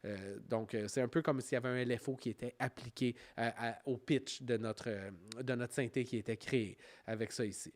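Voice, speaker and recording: A man with a Quebec French accent narrating an informal software tutorial, explaining step by step in a conversational way. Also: mid-range voice, steady tone, brisk, hardly any pauses. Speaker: music software instructor.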